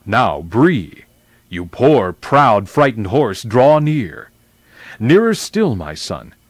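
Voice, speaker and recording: A man voicing a majestic, wise male lion in a children's story read aloud, speaking slowly and gravely. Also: on the low side, sing-song, a little mellow, no room sound. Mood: solemn. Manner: slow, grave, deliberate speech. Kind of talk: reading a children's novel aloud.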